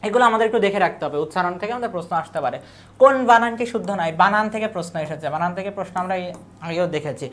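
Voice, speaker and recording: A woman teacher works through an exam-prep lecture in a voice pitched a little low. She poses questions and answers them herself, repeating key words as she goes. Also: racing.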